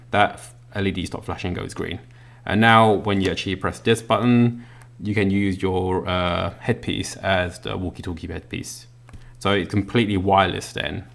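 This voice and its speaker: In this unboxing walkthrough, a man with a deep, gravelly voice and a fairly bright tone demonstrates a gadget while explaining things casually. As a product reviewer, he handles the device and covers his pauses with ums and uhs.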